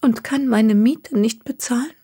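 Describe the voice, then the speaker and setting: A woman voicing a young woman stranded by a hoax, pleading and close to tears, a little higher than her own voice. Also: a little slow, dark tone, husky. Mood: tearful.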